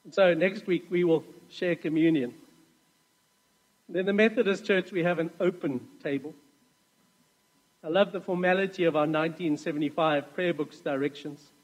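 Male pastor, high voice, chatty sermon storytelling with asides, long reverb of a church hall. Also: moderate pace.

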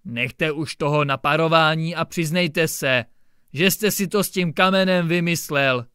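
A man's voice: fairly high pitch, sharp tone, smooth, dry recording, studio quality, voice pushed up. A man doing a barking irritable judge. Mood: scolding. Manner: barking, scolding outbursts. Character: irritable blustering male district judge, middle-aged.

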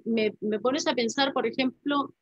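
She speaks a little slowly in a slightly high voice, a poet and writer in her fifties reflecting thoughtfully as a guest. Spanish is her first language, and from her painting-filled room at home she often ends phrases with "¿no?" The dull, dry video call sound comes from a laptop webcam mic, with no echo.

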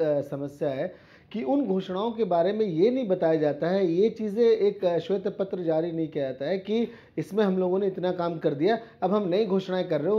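A male news anchor with a high voice moderates a political debate on television. His sound is a little muffled and lo-fi. He frames each question briskly before passing the floor to a guest.

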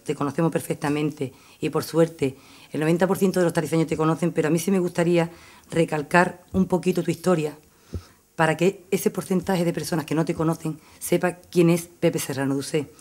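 A woman's voice: low voice, steady tone, a little fast, darkish tone. A middle-aged Andalusian woman, a town councillor speaking informally at a press conference, repeating phrases for emphasis. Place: indoor press room. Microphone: table microphone.

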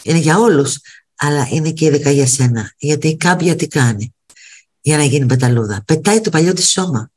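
A woman's voice: deep voice, lively intonation, darkish tone, slightly rough. A middle-aged woman giving a motivational talk, speaking straight to her viewers and repeating key phrases for emphasis. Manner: addresses viewers directly as kids. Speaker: motivational coach.

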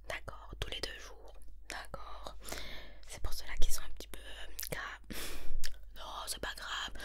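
A woman in her twenties with a southern French accent in a whispered role-play, quickly whispering close to the mic as a bossy, fussy, tactless hairdresser. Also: pushed and bright. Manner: rapid, bossy whispering with repeated tag questions. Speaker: ASMR performer playing a hairdresser.

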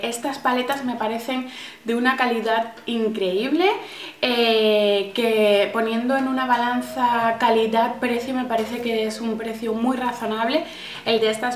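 A woman from gives a casual makeup review to her viewers. Her voice sits a little high and her talk is chatty, with many fillers and restarts. The room around her sounds echoey. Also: a little hiss or hum. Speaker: beauty vlogger.

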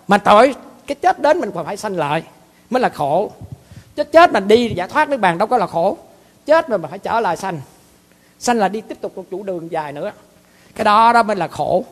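Animated Southern Vietnamese monk preaching. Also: male voice, high-pitched. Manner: animated, repetitive, folksy storytelling. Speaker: monk, abbot. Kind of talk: dharma talk. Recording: long hall reverb.

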